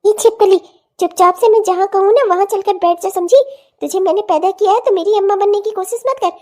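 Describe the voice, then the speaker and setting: A woman's voice: very high-pitched, a little fast, dark tone. A woman voicing a cruel, greedy young mother in a cartoon who talks slyly and gloats. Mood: harsh, threatening. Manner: sly and gloating, snapping into harsh threats. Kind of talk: cartoon voice acting.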